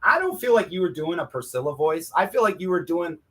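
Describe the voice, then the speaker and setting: A man co-hosting a casual chat, laid-back and storytelling, now and then slipping into quick impressions. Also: on the high side, sing-song, a bit bright. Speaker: co-host.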